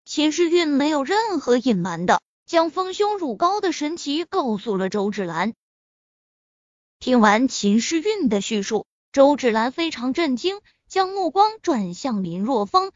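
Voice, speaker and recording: A woman narrating a web novel aloud with expressive storytelling, with a slightly muffled lo-fi sound. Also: high-pitched, dry recording. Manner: expressive storytelling, acts out the characters.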